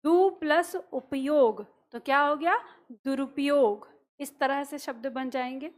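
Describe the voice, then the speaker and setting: A woman with a high-pitched voice teaches a grammar lesson in a classroom. She works through examples patiently, posing a question and then answering it herself. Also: slow pace.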